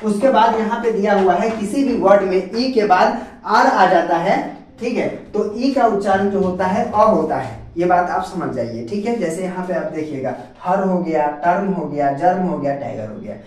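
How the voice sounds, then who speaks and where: A man's voice: high-pitched, moderate pace, a little mellow. A man from hosting a spoken English lesson, explaining patiently and repeating himself, checking whether viewers follow. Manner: repetitive, checks understanding often. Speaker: English teacher and channel host. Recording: echoey room, distant mic.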